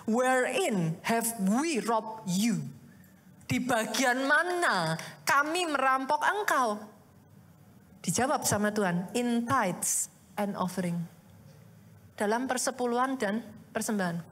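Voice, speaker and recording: Lively high-voiced woman pastor preaching. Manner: lively, conversational preaching with rhetorical questions; addresses the congregation often as "Saudara". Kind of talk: sermon.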